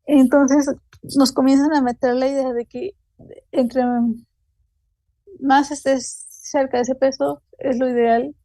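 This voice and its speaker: In a recording free of room sound, a woman with a Mexican Spanish accent speaks with a high, warm voice and a flat delivery. She's giving a loosely read academic seminar talk, hesitating often and using many fillers such as "este" and "eh."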